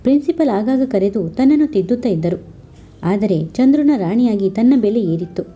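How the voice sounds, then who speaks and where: Husky, dark-voiced woman storyteller. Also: medium pitch, moderate pace. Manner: steady reading aloud. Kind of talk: scripted story narration.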